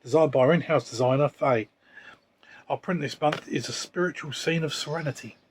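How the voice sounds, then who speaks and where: A man's voice: fairly high pitch, fairly quick, a little hiss or hum. A man, reading product descriptions aloud and adding dry remarks in a casual unboxing chat. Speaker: co-host reading product cards.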